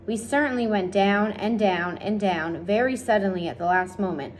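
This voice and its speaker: A woman's voice: medium pitch, normal speed, a little hiss or hum, natural voice. A woman doing a gloomy, fretful male earthworm. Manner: gloomy and dramatic.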